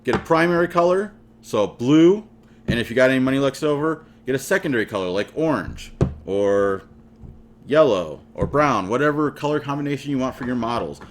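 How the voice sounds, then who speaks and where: A man's voice: medium pitch, expressive, brisk, slight background noise. A man hosting his own hobby channel, chatting casually and jokingly straight to his viewers. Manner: playful, jokey, talks straight to viewers. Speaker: channel host. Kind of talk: casual hobby vlog talk.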